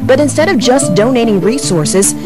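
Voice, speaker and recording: A woman's voice: a little high, expressive, normal speed. Woman narrating a news feature over music. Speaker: TV news reporter. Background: loud music.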